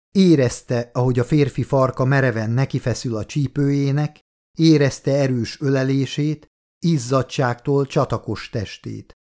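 Male audiobook narrator, mid-pitched voice, steady and measured delivery for dark horror prose.

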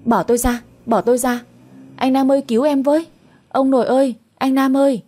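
A woman voicing a spiteful young wife who mocks and then wails in shrill complaint. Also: brisk, dark tone, slightly rough. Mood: wailing.

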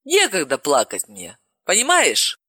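A woman's voice: lowish voice, wildly swooping pitch, measured pace, sharp tone, breathy edge, no room sound, full character voice. A woman voicing a wry, resilient heroine who speaks matter-of-factly with dry humor in an audiobook.

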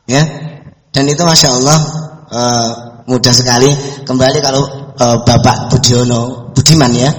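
A man's voice: medium pitch, steady tone, moderate pace, long pauses. A middle-aged man, giving a folksy, conversational religious study talk as a preacher answering questions. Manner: conversational and folksy, mixing in anecdotes. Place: mosque hall. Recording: echoey mosque hall reverb.

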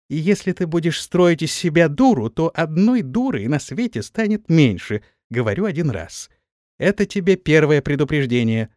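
A man's voice: on the high side, a little mellow, no room sound, studio quality. A man voicing a stern, threatening warrior woman who gives orders in an audiobook. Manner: threatening, bossy. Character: stern commanding female warrior mistress.

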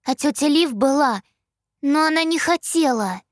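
A woman's voice: high-pitched, lively intonation, normal speed, no room sound, clean studio sound, voice pushed up. A woman voicing a ghost boy who speaks through a young man, in a small, plaintive child's voice. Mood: pleading.

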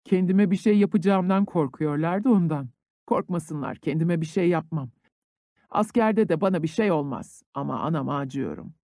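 A man's voice: on the high side, normal speed, vocal fry, no room sound, clean studio sound. A man voicing a desperate young peasant conscript. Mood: sorrowful. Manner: grief-stricken, turning to furious shouting.

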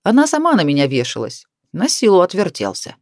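A woman reading aloud, voicing a calm, gentle middle-aged husband who speaks softly and soothingly. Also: fairly low pitch, no room sound, clean studio sound. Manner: soft, soothing, unhurried.

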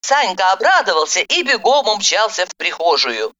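Lively expressive woman narrating an audiobook. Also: medium pitch, moderate pace, dry recording, muffled recording. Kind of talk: first-person audiobook narration.

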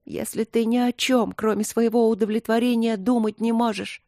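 A woman voicing a young wife who is exhausted and shouting through her tears. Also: fairly low pitch, lively intonation, moderate pace, dry recording, clean studio sound, natural voice. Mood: angry.

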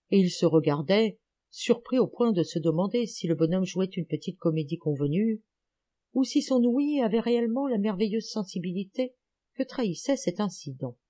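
A woman narrating a classic novel as an audiobook, in a measured storytelling manner. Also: mid-range voice, warm tone. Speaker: audiobook reader.

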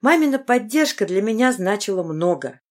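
Sex: woman. Role: audiobook narrator. Style: expressive first-person narration. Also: medium pitch, normal speed.

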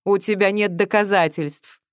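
A woman's voice: mid-range voice, lively intonation, normal speed, dry recording, studio quality, lightly acted. A woman reading aloud and voicing a cold, scheming middle-aged official who talks in curt threats. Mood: menacing. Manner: curt, menacing.

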